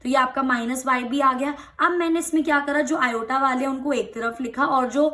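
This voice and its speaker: A woman with a high, bright voice walks through a maths problem step by step. She speaks patiently and often pauses to check that her students are keeping up. She sounds like a young teacher recording a lesson video. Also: steady tone. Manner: patient, explains slowly, checks if students follow. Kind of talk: step-by-step maths lesson in Hindi-English mix.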